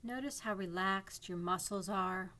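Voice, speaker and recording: A woman narrating a guided imagery meditation in a calm, soothing way, leaving long pauses between gentle instructions. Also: medium pitch. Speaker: psychotherapist guiding a meditation.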